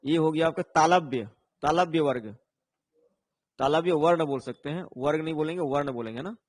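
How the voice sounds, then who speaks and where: A man's voice: fairly high pitch, normal speed, dry recording. A man teaching an online exam-prep lesson, explaining patiently and often checking in with his viewers. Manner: explains patiently, tags lines with "है ना", answers viewers' comments.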